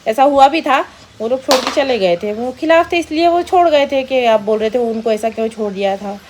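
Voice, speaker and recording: A woman's voice: high voice, fairly quick. A middle-aged woman chatting at home in a family vlog, homely and earnest, explaining things at length. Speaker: mother-in-law in a family vlog. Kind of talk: casual family chat. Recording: clear background noise.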